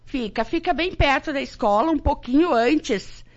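A southern Brazilian woman answers informally as a radio interview guest. She is hesitant and repeats herself, in a fairly high voice. The recording is slightly muffled. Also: animated, normal speed. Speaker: school director, interview guest. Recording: dull lo-fi radio broadcast.

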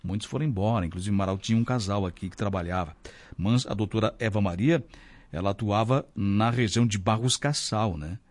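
A male radio host with a fairly low voice opens the show and questions his guests. He talks in a relaxed, conversational way and often checks in with a quick tag question. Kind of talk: radio interview. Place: radio studio.

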